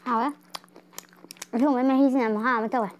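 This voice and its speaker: A woman's voice: on the high side, steady tone, very slow, slight background noise. A woman from Manipur, India, hosting a mukbang eating show and chatting casually while chewing her food. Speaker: mukbang creator. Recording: dull lo-fi sound.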